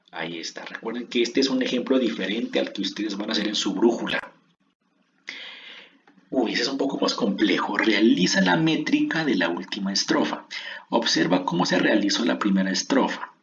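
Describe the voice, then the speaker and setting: A man teaching a lesson on poetic meter, counting syllables aloud in a slow, drawn-out way and often restarting his phrases. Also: on the low side, animated, vocal fry, a bit bright, muffled recording, slight background noise.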